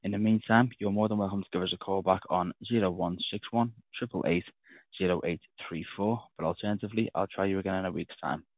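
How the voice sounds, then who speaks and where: A man from a law firm leaving a brisk, businesslike voicemail with frequent "uh" fillers, heard over a landline phone. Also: low voice, no echo. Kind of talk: phone message. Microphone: telephone handset. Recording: tinny narrowband phone line, dry.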